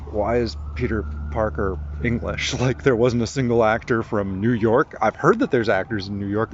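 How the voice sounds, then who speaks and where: Man vlogger, rambling and opinionated, mid-pitched, slightly dull lo-fi outdoor sound with faint ambience. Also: a little mellow, a little hiss or hum. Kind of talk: casual walking vlog monologue. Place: outdoors on a morning walk with a dog.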